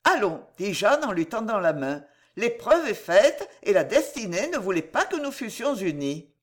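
A woman's voice: mid-range voice, sing-song, normal speed. A woman reading aloud and voicing a witty young woman who teases and laughs easily, in a storybook reading. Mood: playful. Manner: playful, mocking, bright.

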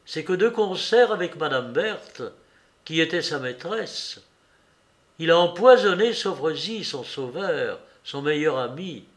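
A man reading the part of a stern police detective in an audiobook, speaking in a firm, measured way. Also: a little high, lively intonation.

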